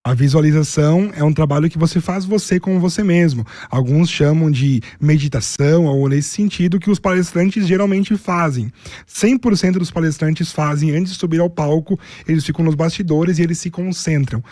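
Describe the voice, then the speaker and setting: Speaking at normal speed in a fairly high, warm voice, a Brazilian-accented man walks through his public speaking methods methodically, using numbered steps and lists. He is an interview guest, and the studio-quality recording has no room sound.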